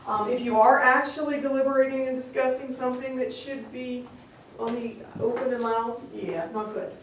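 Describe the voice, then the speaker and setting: A woman's voice: high-pitched, steady tone, normal speed, a little hiss or hum. A woman giving a frank, plain-spoken open meeting law training to a school board, joking as she goes. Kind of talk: conversational training session. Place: meeting room. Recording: echoey room, distant mic.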